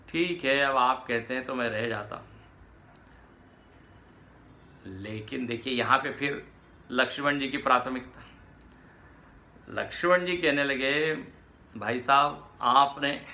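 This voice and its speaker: Man, spiritual discourse, very bright tone, storytelling, acts out dialogue. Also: medium pitch. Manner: storytelling, acting out dialogue with asides to listeners; mixes in English words. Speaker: spiritual teacher. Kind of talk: Hindi scripture discourse.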